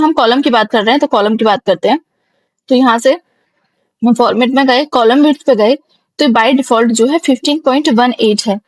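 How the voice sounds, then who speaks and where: A woman teaching a screen-recorded software tutorial, explaining each step slowly and repeating herself as she goes. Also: on the high side, no echo. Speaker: computer teacher.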